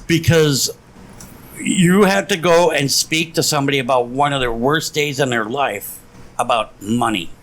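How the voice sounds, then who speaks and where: A man's voice: mid-range voice, a little slow, a bit bright, poor audio. A man co-hosting a casual podcast, telling stories with lots of swearing and laughter. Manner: profane storytelling, laughs a lot. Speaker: podcast co-host. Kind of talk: casual drinking-podcast chat.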